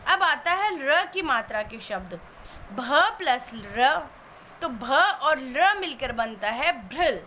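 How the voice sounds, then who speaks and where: A woman's voice: sits high, very animated, unhurried, few pauses, sharp tone, slight background noise. A woman teaching a spelling lesson, patiently breaking each word into its sounds step by step.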